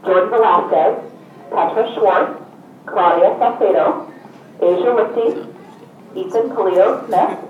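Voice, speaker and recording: A woman giving a school office page, reading out a list in a flat, matter-of-fact way. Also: mid-range voice, unhurried, long pauses, narrow, tinny audio. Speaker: school office staff paging students. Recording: echoey, distant intercom-like sound, faint noise.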